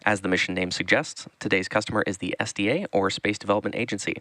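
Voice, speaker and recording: A man with a lowish voice hosts live launch commentary. He explains things in a measured, informative way, and the sound is close and dry. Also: steady tone, sharp tone, no echo. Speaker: webcast launch host.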